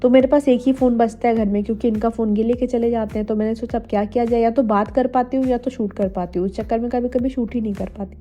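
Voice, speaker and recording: A young woman from India, slightly hoarse from a cold, chatting to viewers in a casual cooking vlog voice-over. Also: on the high side, fairly even intonation, fast talker, hardly any pauses, dark tone. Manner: chatty, addresses viewers directly. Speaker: homemaker vlogger. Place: voice-over, not recorded in the pictured kitchen. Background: faint music.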